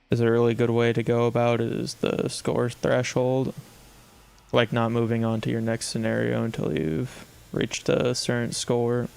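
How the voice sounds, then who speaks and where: A man's voice: medium pitch, creaky, a little mellow, clear, resonant tone. A young man streaming an aim-training session, talking casually and rambling, often restarting his sentences as he plays. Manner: rambling, self-correcting, chatty. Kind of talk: casual gaming commentary.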